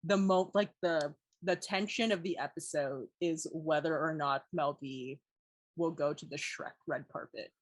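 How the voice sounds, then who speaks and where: A woman's voice: low-pitched, measured pace, dry recording. A young woman co-hosting a podcast, chatting casually and retelling a story with lots of "like"s and acted-out quotes. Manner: animated storyteller, many "like"s, acts out quotes. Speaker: podcast co-host. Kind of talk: casual chat.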